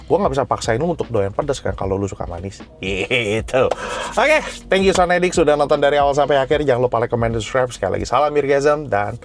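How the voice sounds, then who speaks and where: A man's voice: mid-range voice, fast, few pauses. Emphatic, slangy man hosting a review. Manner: emphatic, rising sharply when making a point. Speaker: car audio reviewer host. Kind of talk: casual slangy chat.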